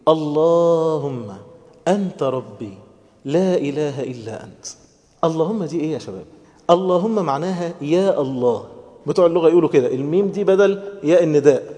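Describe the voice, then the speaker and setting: A man with an Egyptian Arabic accent preaching a sermon to young people. He swings between loud emphasis and hushed, tender phrases, and chants quoted prayers slowly. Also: a little high, lively intonation, in a large hall.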